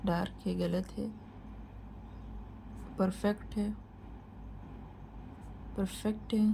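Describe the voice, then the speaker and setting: A woman talking through a lesson at a steady, middle pitch. She explains each step and repeats the key points to her learners. Faint noise sits under her voice. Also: very slow, gravelly, poor audio. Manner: instructive, repeats points, reassuring. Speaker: shorthand teacher. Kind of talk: tutorial lesson.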